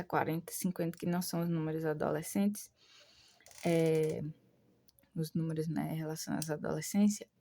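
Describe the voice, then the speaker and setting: Mellow-voiced Brazilian woman teaching English. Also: mid-range voice. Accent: Brazilian Portuguese. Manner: explains patiently, repeats English words slowly. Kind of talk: casual online English lesson.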